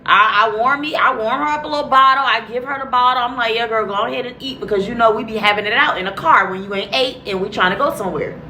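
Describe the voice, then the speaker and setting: A woman's voice: on the high side, quick pace, few pauses, bright, forceful tone, a little hiss or hum, low-quality recording. A young adult woman telling a casual, profane story to her viewers, blunt and chatty, acting out her own reactions.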